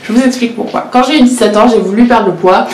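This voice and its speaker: In a casual confessional vlog, a 19-year-old Portuguese-first-language law student talks at a quick pace with a fairly high, slightly mellow voice. She hesitates often and teases herself. Expect a roomy echo and a bit of hiss or hum.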